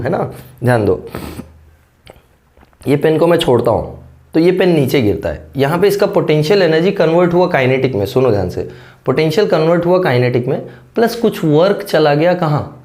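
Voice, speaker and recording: A man teaching physics with a sore throat, clearing it now and then and explaining step by step while checking that students follow. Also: on the high side, sing-song, normal speed, a little mellow. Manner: explains step by step, keeps checking understanding with "correct?". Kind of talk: classroom-style lecture, Hindi mixed with English terms.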